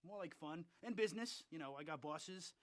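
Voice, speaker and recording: A man's voice: a little high, fairly quick, dry recording, lightly acted. An actor playing a crude, cocky male gangster who brags offhandedly about his crimes in a confessional. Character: sleazy foul-mouthed male gangster, cocky.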